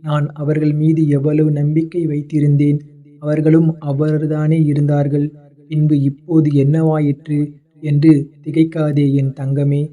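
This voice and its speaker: A man voicing a fatherly male god who calmly consoles a devotee in a devotional address, repeating tender words of endearment. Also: a little high, measured pace, natural voice. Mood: consoling. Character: fatherly male god comforting his child.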